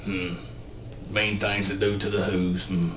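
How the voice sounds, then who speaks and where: Karl Childers, deadpan Southern simpleton. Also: male voice, low-pitched. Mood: deadpan, plodding. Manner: halting, deadpan, grunts "hmm" between short sentences. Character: Karl Childers, slow simple-minded rural Southern man. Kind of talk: folksy storytelling, film character impression. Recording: roomy echo, faint background noise.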